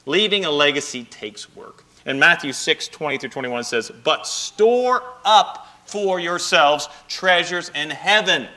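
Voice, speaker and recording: A man's voice: a little high, expressive, unhurried, few pauses, sharp tone. A man preaching a sermon as pastor, telling stories and rising into emphatic bursts.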